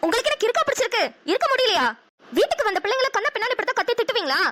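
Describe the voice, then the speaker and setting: A woman voicing a fierce, protective middle-aged mother in a cartoon, scolding rapidly with a Kongu Tamil accent. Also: extremely high pitch, lively intonation, very noisy. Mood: angry. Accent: Kongu Tamil (Namakkal). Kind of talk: cartoon voice acting.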